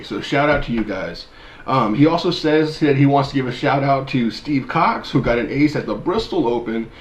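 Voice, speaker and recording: A man's voice: medium pitch, roomy sound, dull audio. A man in his thirties from mid-Michigan, hosting a casual weekly disc golf news vlog and talking to viewers in a chatty, upbeat way. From mid-Michigan, USA. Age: 30s. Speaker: disc golf channel host.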